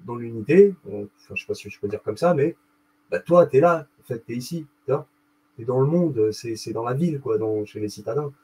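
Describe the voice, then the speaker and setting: A man's voice: mid-range voice, mellow, slightly rough, low-quality recording. A man hosting a video, rambling through a casual explanatory monologue, often checking in with "d'accord?" and spelling out Arabic letters.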